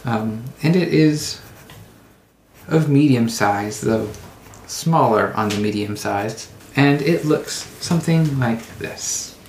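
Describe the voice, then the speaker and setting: A game master narrates a tabletop adventure at a slow pace. The delivery halts as scenes are described. The room is echoey, with faint background noise. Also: mid-range voice, a little mellow.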